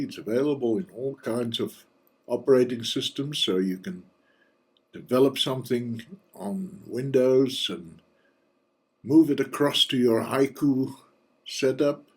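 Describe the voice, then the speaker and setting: Slow, husky man demoing software. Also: medium pitch. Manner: relaxed, joking asides, thinking aloud. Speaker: software reviewer and channel host. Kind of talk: casual screencast walkthrough.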